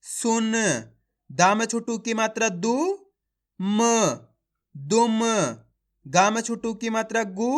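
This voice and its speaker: A man's voice: sits high, a bit bright. A man teaching a beginner reading lesson, calling viewers his friends and drilling syllables over and over.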